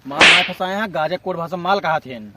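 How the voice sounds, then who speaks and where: A man's voice: on the high side, brisk, lightly acted. A man with an Awadhi accent acting in a comedy sketch as a bossy, scheming villager out to score ganja. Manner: bossy, scolding. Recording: noisy outdoor recording, distant mic, vehicle sounds.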